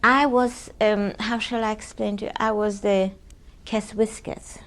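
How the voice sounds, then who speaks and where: On an old 1980s audio cassette, a Polish-born woman in her sixties gives oral history testimony as an interviewee. Her gravelly, mid-range voice keeps a fairly even intonation. She speaks hesitantly, searching for words with many ums and restarts.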